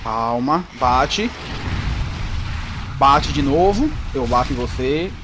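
A gaming YouTuber, giving lively live commentary while playing, yelping and teasing the enemy. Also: mid-range voice, slow pace, background noise. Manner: excitable, yelps and shouts at the game; talks to the enemy, playful teasing.

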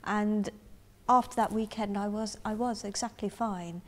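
A middle-aged woman from Zambia telling her life story in an interview, thoughtful and halting, often restarting her sentences, recorded close up in a dark room. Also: medium pitch, fairly even intonation. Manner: thoughtful, halting, with frequent restarts and soft asides. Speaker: interviewee in a community film. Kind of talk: reflective personal storytelling.

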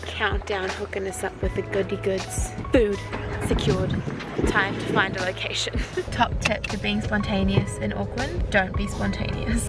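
Out in the city and in a car, a young New Zealand woman vlogs casually into a handheld camera at arm's length, bubbly and giggly. Her voice is medium-pitched, with music running under it.

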